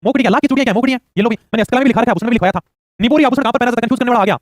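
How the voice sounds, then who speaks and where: A man teaching a quiz-style exam prep lesson, firing off questions and urging quick answers. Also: extremely high pitch, no room sound, studio quality. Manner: rapid-fire, urging answers fast.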